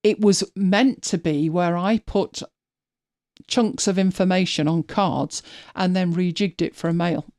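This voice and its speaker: A woman's voice: on the low side, steady tone, unhurried, a little mellow, no echo, clean studio sound. A woman hosting a live stream, chatting casually as she walks viewers through her screen, thinking aloud and often restarting her sentences. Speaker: host.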